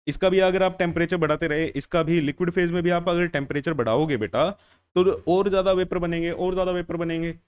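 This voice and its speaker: A man's voice: fairly high pitch, smooth. A young adult man teaching chemistry in a classroom lecture. He asks questions and answers them himself, repeating key phrases and calling the students "beta". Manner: calls students "beta" and "bhaiya".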